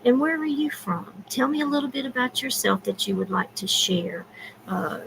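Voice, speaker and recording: A woman in her sixties with a Southern US accent talks casually on her live stream, rambling from topic to topic and thanking viewers by name. Her voice has a heavy gravelly fry, and a faint hiss runs under it. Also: a little high, animated, moderate pace. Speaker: YouTube creator.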